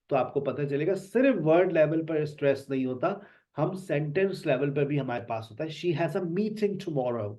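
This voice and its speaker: A man's voice: medium pitch, darkish tone. A man teaching an online spoken English lesson, repeating words with emphasis to drill them. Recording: dull lo-fi sound.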